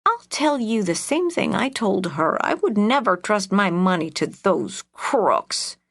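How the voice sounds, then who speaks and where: A woman narrator voicing a cranky, hard-of-hearing older woman with a raspy voice and a gruff, scornful manner. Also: mid-range voice, big pitch swings, a little slow, no echo, clean studio sound, voice pushed up.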